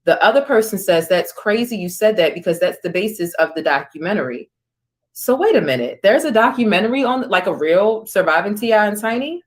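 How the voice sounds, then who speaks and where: Speaking a bit quickly in a mid-range voice with lively intonation, a woman runs an online news stream. She reads screenshots aloud and riffs on them conversationally, with informal asides and reactions.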